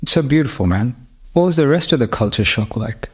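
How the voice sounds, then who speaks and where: A man's voice: medium pitch, animated, brisk, breathy edge. A man hosting a podcast interview, asking eager follow-up questions in an encouraging, conversational way. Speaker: podcast host.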